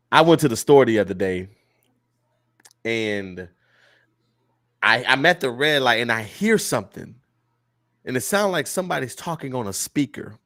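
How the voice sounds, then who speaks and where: A man hosting a casual comedy podcast, telling stories with laughs and animated energy. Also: medium pitch, a little slow, long pauses, no echo, clean studio sound. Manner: animated storyteller, laughs often, loud mock-preacher bursts. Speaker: podcast host.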